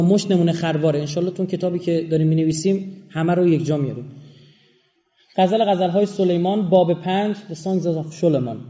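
A man's voice: high-pitched, mellow. A man giving a religious lecture, explaining scripture emphatically and spelling out words letter by letter. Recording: roomy, dull lo-fi recording.

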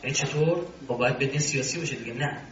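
A man's voice: medium pitch, over music. A male religious commentator who gives an argumentative lecture, breaking off now and then into mocking asides. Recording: roomy, distant, dull sound.

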